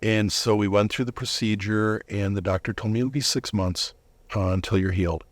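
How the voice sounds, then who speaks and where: Here a middle-aged man speaks as a guest in an interview, offering his own testimony in a reflective, conversational manner while pausing and rewording frequently. His tone is steady and on the low side, with no echo.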